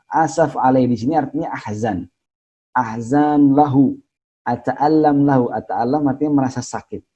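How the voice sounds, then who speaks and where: A man with an Indonesian accent, an Indonesian speaker, teaches in a relaxed, warm voice with a breathy edge. He explains patiently and repeats each example phrase slowly. The recording is slightly dull and lo-fi. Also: medium pitch. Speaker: Arabic teacher. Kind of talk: casual online lesson.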